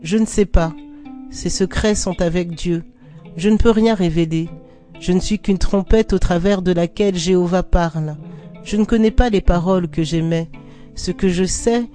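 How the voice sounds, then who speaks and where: A reader voicing a solemn, humble male desert prophet in a grave, measured storybook reading, with faint guitar behind. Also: medium pitch, warm tone, natural voice.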